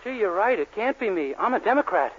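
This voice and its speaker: A sunny, dim-witted young soda jerk. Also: male voice, high voice, animated, quick pace, a bit bright, breathy edge, full character voice. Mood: cheerful naive. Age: 20s. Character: naive cheerful young male soda jerk. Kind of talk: 1940s radio sitcom acting. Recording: dull 1940s radio broadcast recording.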